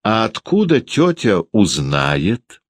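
A man's voice: on the low side, huge pitch swings, slow pace, dry recording, voice pushed up, exaggerated voice. A man voicing a sullen, spiteful middle-aged male schoolteacher who needles and pries. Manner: needling, malicious, prying.

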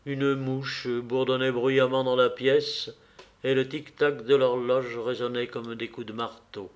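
A man narrating a classic novel in a measured audiobook reading. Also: medium pitch, little pitch movement, dull audio.

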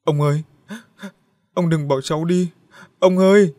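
A man voicing a sobbing young woman, high and wailing. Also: fairly even intonation, a little slow, dark tone, no echo, studio quality, lightly acted. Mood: wailing grief. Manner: choked, wailing, pleading.

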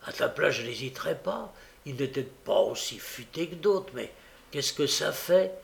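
A male audiobook reader voicing a bold, defiant young woman thief in a raised, loud voice. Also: medium pitch, expressive, normal speed, creaky. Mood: persuasive. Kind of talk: audiobook character reading.

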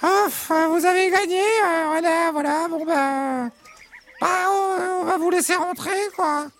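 A man's voice: extremely high pitch, slow pace, a bit bright, a little hiss or hum, pitched above the performer's own voice, heavily acted. A man voicing a group of flustered, dithering hens in a children's audio story, stammering with lots of fillers.

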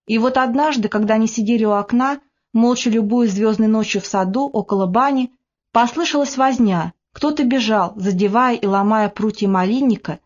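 A woman narrating classic prose in a measured, even reading. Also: on the high side, dull audio. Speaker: audiobook narrator.

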